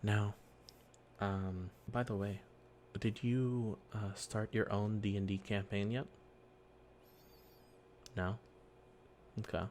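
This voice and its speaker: Whispered role-play, soft-spoken man, very deep voice, slow and patient, faint room hiss. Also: flat delivery. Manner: soft-spoken, gentle, reassuring; slow, patient explaining with fillers. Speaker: dungeon master. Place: quiet home early morning.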